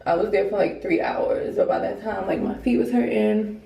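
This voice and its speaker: Chatty young woman with a gravelly edge. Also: medium pitch, normal speed, dark tone, reverberant. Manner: chatty and rambling, says "like" constantly. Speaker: travel vlogger. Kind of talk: casual chat to camera. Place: hotel room.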